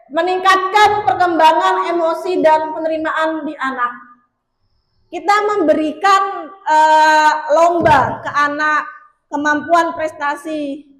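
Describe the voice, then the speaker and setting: A woman's voice: high voice, fairly bright tone. A woman presenting at a workshop for teachers, chatty and casual, speaking straight to the audience as sir and ma'am. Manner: chatty, addresses listeners directly as sir and ma'am. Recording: echoey room.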